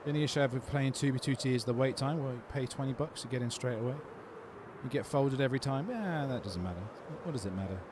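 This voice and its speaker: A man's voice: medium pitch, quick pace, noisy background. A man with a London accent chatting casually on a gaming livestream, answering viewer questions in a laid-back way. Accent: London English. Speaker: gaming streamer.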